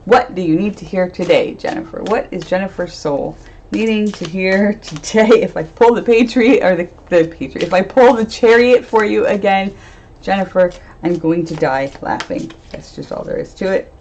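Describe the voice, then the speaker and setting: A woman's voice: medium pitch, normal speed, darkish tone, slight background noise. A woman doing a casual live-stream tarot reading, chatty, laughing often and trailing off into fillers. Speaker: medium and tarot reader. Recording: dull lo-fi stream audio.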